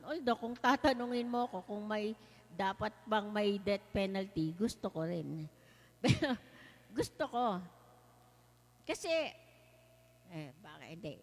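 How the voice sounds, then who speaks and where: A woman sharing a testimony in casual storytelling style, lively and laughing often as she talks. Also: on the high side, big-room sound. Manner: lively, laughs often while telling stories.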